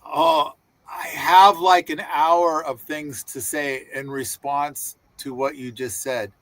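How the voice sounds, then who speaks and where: A man's voice: on the high side, fairly even intonation, slow pace, fairly bright tone. A man hosting a casual panel discussion, enthusiastic and rambling with many restarts. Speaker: host.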